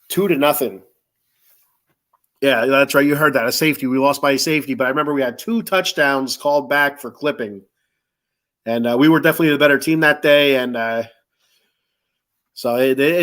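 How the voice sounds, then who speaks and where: Stuffed up from a cold, this middle-aged man chats loosely and wanders from topic to topic while welcoming commenters on his laid-back sports fan livestream. His voice is medium in pitch and slightly bright.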